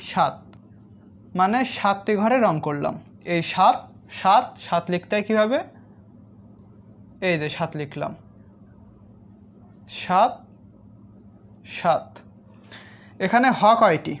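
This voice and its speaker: Teacher counting stuff out loud for little kids, mid-pitched voice, kinda dull lo-fi audio. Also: slight background noise. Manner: counts aloud item by item, addresses children directly. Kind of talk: step-by-step lesson for young children. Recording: slightly dull lo-fi sound.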